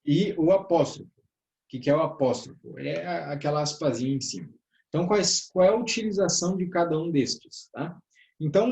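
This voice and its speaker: A man with a southern Brazilian accent teaches a grammar lesson in a fairly high voice. He goes through each point step by step, checking in with "tá?" and addressing the class as brothers. The room gives his voice a noticeable echo. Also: darkish tone. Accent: southern Brazilian Portuguese. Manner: explains step by step, often ending phrases with "tá?" and "né?"; addresses listeners as "irmãos". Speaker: teacher of a church workers' course. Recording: echoey room.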